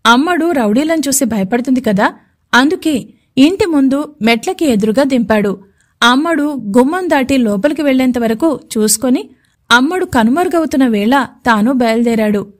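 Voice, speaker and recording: Woman reading a love story aloud, high voice, steady and expressive. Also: normal speed. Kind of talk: scripted story narration.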